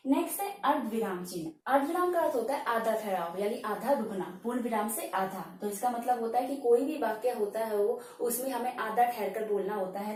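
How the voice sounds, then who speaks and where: A woman's voice: a little high, a little mellow, slight background noise. A woman teaching a Hindi grammar lesson, explaining patiently, repeating each point and calling her students "beta". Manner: says example words slowly, one at a time. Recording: echoey room, voice from far off.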